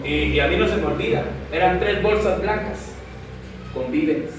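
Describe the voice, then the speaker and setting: A man preaching as a pastor, telling an emotional story that climbs high and at times breaks into shouts. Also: normal speed, recorded from a distance, background noise. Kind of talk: sermon. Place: church hall. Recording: echoey church hall, from the mic.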